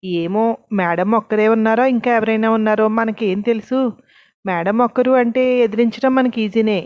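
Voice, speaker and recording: A woman's voice: on the high side, normal speed, no room sound, highs cut off, lightly acted. Sly servant woman, chatty, mock-polite, read by a woman narrator; dry audiobook sound. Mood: coaxing.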